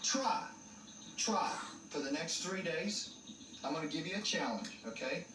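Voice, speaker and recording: A man's voice: a little high, expressive, a little slow, noisy background. A man talking sternly and commandingly, as a father on a reality show. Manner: commanding, admonishing. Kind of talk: stern unscripted talk. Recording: echoey, distant TV audio under music. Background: loud music.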